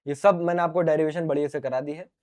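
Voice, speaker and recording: A middle-aged man teaching physics in an online exam-prep lecture. He is playful and animated, answers himself in a student's voice, calls the viewers his dear children, and his throat is getting sore. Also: fairly high pitch, quick pace.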